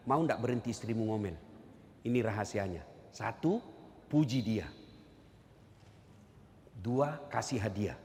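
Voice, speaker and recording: A man's voice: mid-range voice, darkish tone, a little hiss or hum. A male preacher gives a humorous sermon to a hall audience, joking and acting out dialogues between husband and wife. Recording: reverberant hall, faint ambience.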